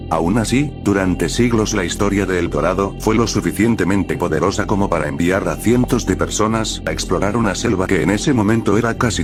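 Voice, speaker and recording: A man reading scripted nature documentary narration in a measured, explanatory storytelling manner. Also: sits low.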